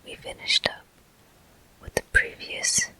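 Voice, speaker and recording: Short, unhurried phrases of whispered commentary accompany the gameplay, spoken by a gaming ASMR host. The delivery is breathy and soft throughout.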